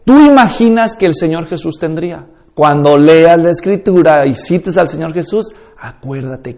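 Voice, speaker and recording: A man teaching a course on preaching, speaking in an emphatic, instructive way, addressing listeners directly and demonstrating tones and speeds with his own voice. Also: high voice.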